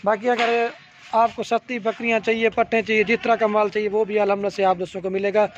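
This is a casual sales tour of a goat farm in an outdoor farmyard beside a garden, given by a man with a Pakistani Urdu accent. He has a high voice with little pitch movement, repeats himself, and keeps checking in with "theek hai." The background is noisy, and the phone audio is slightly muffled with faint outdoor ambience.

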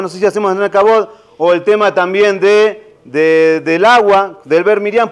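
High-voiced joking rabbi. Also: male voice. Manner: casual, joking, many fillers. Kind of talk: holiday talk with jokes.

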